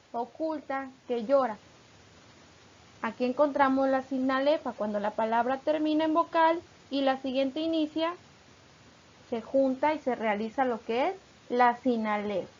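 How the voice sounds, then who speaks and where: A woman from Mexico, a teacher narrating a recorded lesson, explaining patiently and reading examples slowly. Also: sits high, muffled recording.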